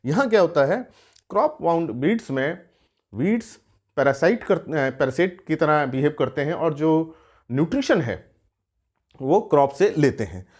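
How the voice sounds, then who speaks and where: A man with a fairly high-pitched voice gives an explanatory exam-prep lecture. He works through the material step by step, asks rhetorical questions and often pauses on filler sounds. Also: very animated, a little mellow. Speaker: teacher.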